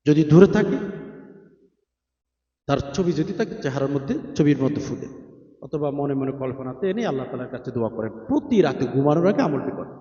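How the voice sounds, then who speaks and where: A man's voice: medium pitch, expressive, dark tone. A man preaching, chanting prayers in long melodic phrases and explaining them in a sermon. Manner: melodic drawn-out chanting, then rapid explaining. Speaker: Islamic preacher. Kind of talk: chanted Quranic recitation and sermon. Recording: echoey distant lo-fi recording with faint music.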